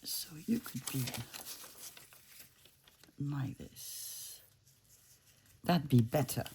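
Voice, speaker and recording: A woman's voice: extremely low pitch, animated, drawn-out words, noisy background. A woman vlogger from France and Italy, thinking aloud and chatting to her craft materials, often dropping to a whisper. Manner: muses aloud, talks to her craft pieces, drops into whispers. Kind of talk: casual talk-along while crafting.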